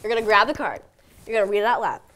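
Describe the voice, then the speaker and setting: A young woman hosting a kids' show in an excitable, casual way, peppering her talk with filler words. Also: medium pitch, very fast. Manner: excitable, casual, says "like" often. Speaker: show host.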